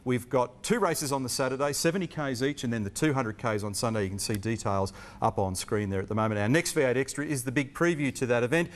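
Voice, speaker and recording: A man's voice: mid-range voice, quick pace, few pauses. An Australian man hosting a televised motorsport interview, upbeat and joking as he presents. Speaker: TV motorsport host. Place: racing team workshop.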